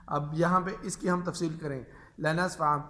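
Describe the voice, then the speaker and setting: A man teaches Quran reading rules to teachers, explaining tajweed patiently and repeating each rule. His voice is bright, forward, and a little high for a man, with a steady tone, and he slows way down to drawl examples letter by letter.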